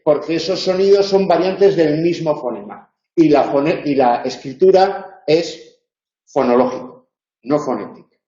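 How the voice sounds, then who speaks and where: A man's voice: fairly high pitch, a little mellow. Man lecturing in a roomy, dull-sounding room. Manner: explanatory, demonstrates sounds slowly. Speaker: university lecturer. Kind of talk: online tutoring lecture.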